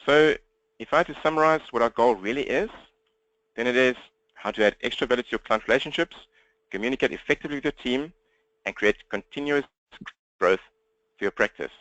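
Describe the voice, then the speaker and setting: A man with a South African accent leads a live webinar training into his laptop at a home desk, fast-talking, upbeat and direct. His mid-range voice is a bit bright. The recording is dry and rough.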